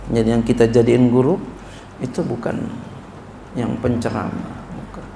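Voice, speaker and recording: A man teaching a classical text as a kyai, reading Arabic slowly and explaining it in casual speech that climbs into animated scolding. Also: medium pitch, vocal fry, noisy background. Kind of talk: sermon-style kitab lesson. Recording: echoey room with faint ambience.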